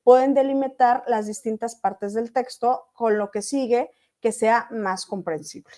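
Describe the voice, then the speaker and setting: Lady teacher, kinda high voice, explaining stuff to her class online and checking they follow. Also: measured pace, dark tone. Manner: explanatory, often checks in with students.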